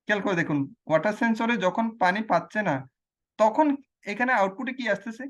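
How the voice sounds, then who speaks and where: A man's voice: high voice, lively intonation, fast talker, a bit bright. A man teaching logic gates, asking questions, answering them himself and repeating key phrases. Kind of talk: explaining logic gates on a screen demo.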